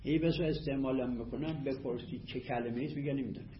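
A man teaching a class on a classical text, reading passages aloud and then explaining them word by word in a measured way. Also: mid-range voice, fairly even intonation, a little hiss or hum. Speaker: teacher of Arabic rhetoric. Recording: echoey room, slightly dull lo-fi audio.

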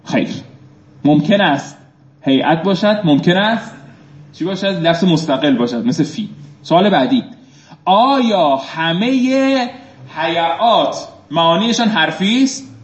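A man's voice: a little high, lively intonation. A male teacher reading phrases from a classical text aloud and explaining them, often putting questions to his students. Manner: reads Arabic phrases then explains, asks students questions. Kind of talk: seminary lecture on Arabic text. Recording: echoey dull room recording.

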